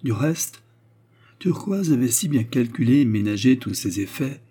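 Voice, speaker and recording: A man narrating a literary novel in a measured, even storytelling manner. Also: medium pitch, breathy edge. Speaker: audiobook narrator.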